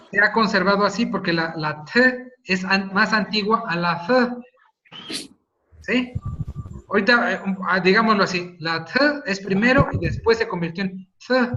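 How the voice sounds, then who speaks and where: A man's voice: high-pitched, sharp tone. A man teaching a phonetics lesson over a video call, explaining patiently and checking in with his listeners. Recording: slightly dull video call audio, faint noise.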